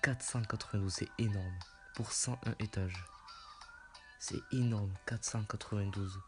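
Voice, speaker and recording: A man's voice: on the low side, fairly even intonation, a little slow. A man hosting a casual top-ten voice-over, hesitant with many fillers and repeating himself. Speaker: YouTube channel host. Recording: music playing loudly underneath.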